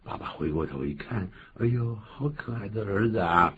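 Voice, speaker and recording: Lively low-voiced man teaching, phone-like sound. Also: moderate pace. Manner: lively explaining, acts out quotes with high voice. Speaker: English teacher co-host. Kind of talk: bilingual radio English lesson. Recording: phone-like lo-fi with faint hiss.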